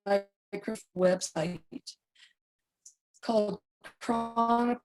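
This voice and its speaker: A woman's voice: medium pitch, fairly even intonation, slow pace, music in the background, poor audio. A woman giving a rambling, conversational talk about genealogy research, her online call audio breaking up as the stream quality drops. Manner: rambling, conversational, restarts sentences. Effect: breaking-up online call audio, dropping quality. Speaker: genealogy speaker. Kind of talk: casual talk in an online session.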